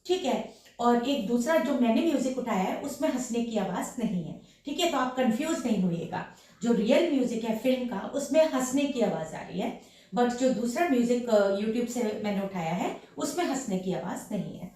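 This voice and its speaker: A woman with a slightly hoarse voice from a sore throat leads a dance lesson, counting beats aloud as she shows each step. Her voice sits a bit high and reaches the mic from across a very echoey room. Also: lively intonation, normal speed, dark tone, far from the mic. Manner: counts beats aloud while demonstrating moves. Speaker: dance teacher.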